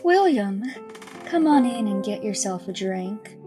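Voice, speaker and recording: With music in the background, a female performer at medium pitch voices a pious schoolteacher whose calm is quietly threatening, in a horror audio drama. Her measured sermon sounds coaxing and sinister.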